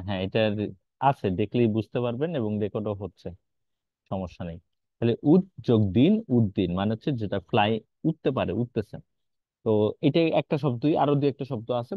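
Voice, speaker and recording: Here a man with a lowish, animated voice runs an online grammar lesson at a brisk clip, recorded dry. He walks his students through things patiently, tests them with questions, and drops in English terms over dull, lo-fi audio.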